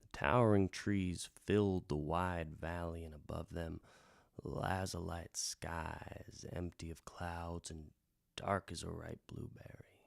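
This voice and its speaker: A low-voiced man hosts a radio drama as a wandering storytelling bard, telling a fantasy tale in the first person. He is unhurried and theatrical, with folksy, florid phrasing that drops into hushed emphasis, and his steady voice carries a gravelly fry. The sound is close and dry, with no room sound.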